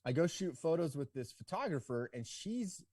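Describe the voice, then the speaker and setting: A man of around forty, a guest on a podcast interview, telling his story in a relaxed, rambling way full of "like" and "you know". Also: on the high side, normal speed, no room sound, clean studio sound. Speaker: podcast guest, ski business owner.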